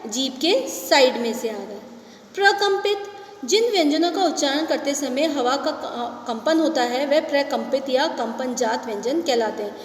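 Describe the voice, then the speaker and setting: A woman teacher explaining a grammar lesson step by step, often pausing to check that students follow. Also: high-pitched, lively intonation. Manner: explains step by step, checks understanding with rhetorical questions. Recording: echoey room, voice far from mic.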